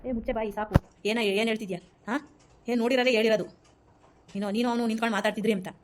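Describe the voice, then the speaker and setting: A woman's voice: fairly high pitch, steady tone, rapid-fire, lightly acted. Furious mother-in-law, played by a woman: scolding and threatening, talks at breakneck speed. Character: furious middle-aged mother-in-law guarding family honour.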